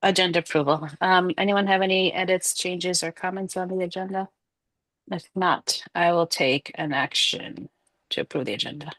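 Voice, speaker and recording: A woman's voice: on the low side, fairly even intonation, moderate pace, a bit bright, no room sound. A woman chairing a committee meeting over a video call, congested, casual and polite with many fillers. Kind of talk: running a virtual meeting.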